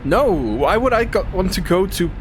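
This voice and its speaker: A man from Czechia streams a casual chat from his car as he drives, sounding laid-back, chuckling and letting sentences trail off. His voice sits high and moves at a normal speed, with steady road and car noise throughout.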